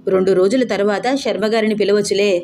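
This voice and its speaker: A woman voicing a calm middle-aged father who reasons patiently. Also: medium pitch, fairly quick, slight background noise, natural voice. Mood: reasoning.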